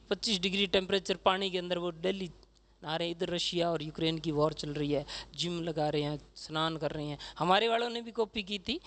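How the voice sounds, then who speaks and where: A male teacher from Rajasthan, lecturing a class in a chatty way and filling pauses with "okay". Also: high voice, fairly bright tone. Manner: chatty, says "theek hai" constantly, acts out regional speech.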